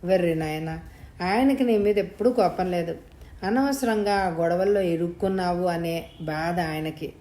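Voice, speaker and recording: A woman's voice: fairly low pitch, normal speed, warm tone, close to an everyday voice. A woman reading the lines of a loving older mother in an audio story, affectionate and soothing. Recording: roomy echo.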